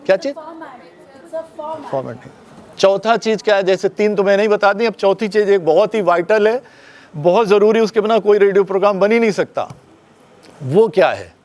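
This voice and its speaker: Older male lecturer, high voice, lively and firm, quizzes the class and demonstrates pauses and stress. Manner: firm with students, tells them to put phones away. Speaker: lecturer at a media school orientation.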